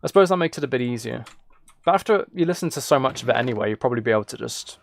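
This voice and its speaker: Racing and expressive, his gravelly medium-pitched voice carries this casual game stream, where the gaming and ASMR creator muses aloud and responds to his chat.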